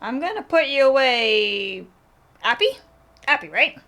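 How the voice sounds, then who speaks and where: A woman's voice: high-pitched, expressive, unhurried, sharp tone. Playful teasing woman at a tabletop game. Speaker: player. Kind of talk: playing a tabletop game character.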